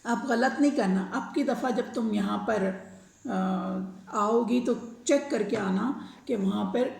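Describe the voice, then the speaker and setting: A woman's voice: medium pitch, gravelly, darkish tone. A woman voicing a commanding but gullible male lion king in a children's storybook telling. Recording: echoey room.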